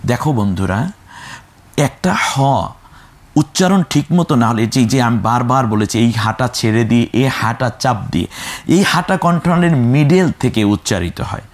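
A man's voice: medium pitch, very animated, moderate pace. A man teaching children to read the Quran, patiently drilling letters and syllables aloud and growing emphatic when he warns about mispronunciation. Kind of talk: children's Quran reading lesson.

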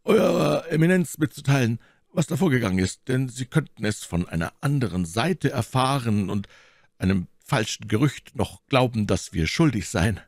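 A man's voice: medium pitch, lively intonation, normal speed, no echo, clean studio sound, pitched above the performer's own voice. A man voicing a proud male musketeer who speaks firmly and formally in a raised voice, in a storybook reading. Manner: bold, firm and formal.

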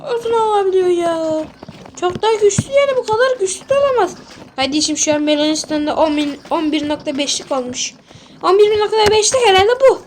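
A woman role-playing panicky, excitable commentary over a sandbox game. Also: sits high, a little hiss or hum. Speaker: gaming video creator.

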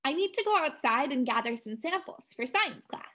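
A woman's voice: high-pitched, expressive, normal speed, pushed and bright. A woman voicing a clever schoolboy sleuth who talks politely and persuasively.

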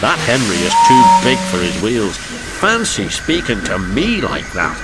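A man's voice: lowish voice, wildly swooping pitch, unhurried, loud music behind the voice, poor audio. A man voicing a pompous, huffy big male steam engine in an indignant, haughty manner for a storybook.

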